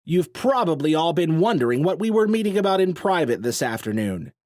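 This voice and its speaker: A man's voice: medium pitch, big pitch swings, normal speed, dry recording, clean studio sound, voice pushed up, close to an everyday voice. A man voicing a smug, nasal male resistance commander who sneers and accuses. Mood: goading.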